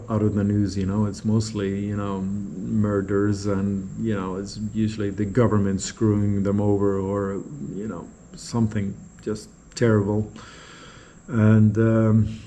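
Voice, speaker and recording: A native Norwegian speaker from Norway replies to viewer comments in a casual, unscripted vlog, rambling and repeating words. His voice is fairly low and warm, with slight background noise.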